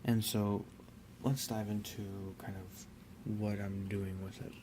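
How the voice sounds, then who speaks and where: Relaxed, rambling man with a flat voice. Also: fairly low pitch, slow, noisy background. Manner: rambling, relaxed, many fillers and restarts. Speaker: miniature painter. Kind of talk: casual hobby tutorial.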